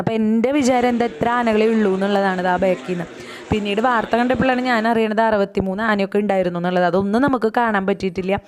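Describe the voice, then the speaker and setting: A woman, chatting through a casual voice-over of a family outing with frequent asides to the viewer. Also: medium pitch. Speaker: vlogger.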